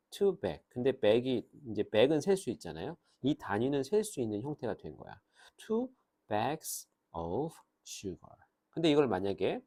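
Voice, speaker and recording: Animated husky-voiced male grammar teacher. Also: mid-range voice. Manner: animated, switches between Korean and slow, drawn-out English phrases. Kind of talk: lively classroom lecture.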